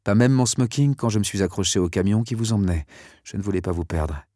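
A man playing a calm, wry young male rescuer who talks softly and reassuringly, with dry humor. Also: on the low side, fast, dry recording, lightly acted.

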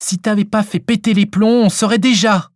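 Male reader doing a cranky, suspicious old woman; grumbling, high-pitched, dry read. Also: animated, normal speed, darkish tone, no room sound. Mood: insistent. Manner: grumbling, pleading.

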